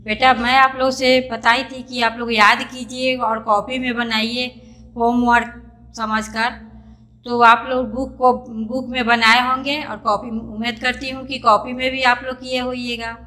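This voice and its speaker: Lady teacher doing an online class for little kids, high voice, says everything slowly twice, spells words letter by letter. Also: bright, forceful tone. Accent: Indian, Hindi. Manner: patient and repetitive, calls pupils "beta", spells words out letter by letter. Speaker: primary school teacher. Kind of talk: online class lesson for young children.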